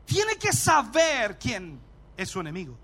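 A man preaching as a pastor in an emphatic sermon, often shouting and acting out little scenes. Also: high-pitched, huge pitch swings, a little slow.

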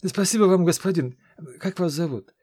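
A man's voice: normal speed, dark tone, breathy edge, no echo. A sly young red-haired runaway begs in a raised, eager voice, as a man puts him on. The tone is clipped and dry, with no room around it. He sounds wheedling and keen to please. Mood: pleading. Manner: high, eager and imploring.

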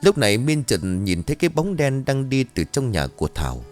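A man's voice: mid-range voice, big pitch swings, brisk. A man narrating a ghost story with dramatic storytelling. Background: faint music.

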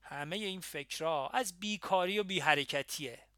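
A man's voice: on the high side, clear, resonant tone, dry recording, studio quality. A man voicing an angry male militant comrade who mocks and scolds younger members in an audiobook. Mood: scolding. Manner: mocking, then shouting and scolding.

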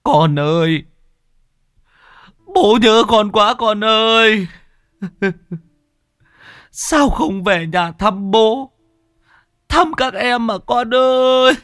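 A man voicing a grief-stricken old village father who sobs and shouts his pleas in a story reading. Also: sits high, expressive, very slow, long pauses, clean tone, no echo, studio quality, voice pushed up, exaggerated voice. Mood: wailing grief.

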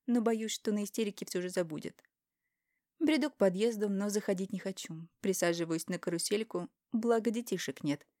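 A woman's voice: medium pitch, dark tone, no echo, clean studio sound. A woman narrating an audiobook in the first person, with an emotional, confessional reading.

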